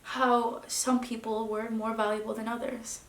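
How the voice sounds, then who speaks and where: Woman acting out a dignified wife walking out, fairly high voice, restrained then sinking quiet, echoey room. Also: level tone, unhurried. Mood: searching. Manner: restrained, dropping to hushed tones, then rising. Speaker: actor. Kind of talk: theatrical stage monologue.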